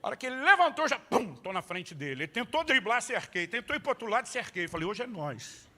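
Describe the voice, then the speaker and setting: Bright, high-voiced comic preacher man. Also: fast talker. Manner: animated, bursts into loud shouts at punchlines. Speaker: pastor. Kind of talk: humorous sermon storytelling.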